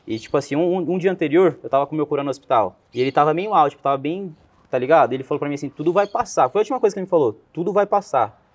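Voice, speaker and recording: Fast-talking young Brazilian man. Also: a little high, lively intonation. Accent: Brazilian Portuguese. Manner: slangy, rambling, quotes himself a lot. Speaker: guest. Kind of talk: casual storytelling in an interview.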